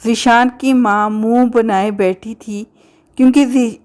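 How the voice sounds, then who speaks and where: A woman narrating a romance novel in a steady, even storytelling manner. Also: on the high side.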